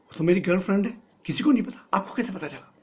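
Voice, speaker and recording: Casting: older man doing a smug, dim young movie hero, higher and brighter, slightly gravelly. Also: big pitch swings, moderate pace. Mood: surprised. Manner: boastful, misunderstands every direction. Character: cocky clueless young male film hero. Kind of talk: comedy sketch acting.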